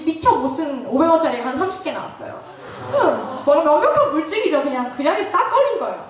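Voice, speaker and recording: Woman preaching at a retreat, high voice bouncing all over, echoey hall, mic far off. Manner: animated storytelling, asks the audience questions. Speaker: retreat speaker. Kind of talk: testimony sermon.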